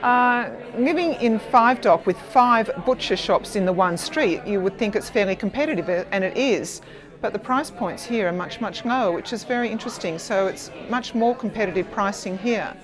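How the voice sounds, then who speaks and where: A chatty woman with a mid-range voice tells lively anecdotes. A faint crowd is audible behind her. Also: mid-range voice, moderate pace, low-quality recording. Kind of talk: vox pop interview.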